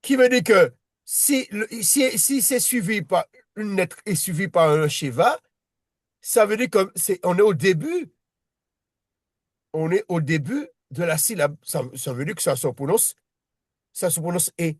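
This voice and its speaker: Guy teaching a student one on one, patient, keeps restarting, pretty high voice. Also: lively intonation, a little slow, no room sound, studio quality. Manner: patient, repeats himself, many restarts. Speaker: Hebrew reading teacher. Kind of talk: one-on-one lesson.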